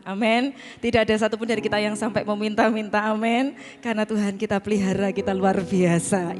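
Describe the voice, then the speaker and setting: A woman leads a church service, fervently calling the congregation to praise and handing over to the next speaker. Instrumental music plays clearly behind her. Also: mid-range voice. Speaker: worship leader.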